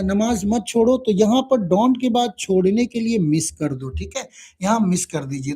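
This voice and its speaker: A man teaching a live online lesson, spelling words letter by letter and drilling phrases slowly. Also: high voice, a little mellow. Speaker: English teacher.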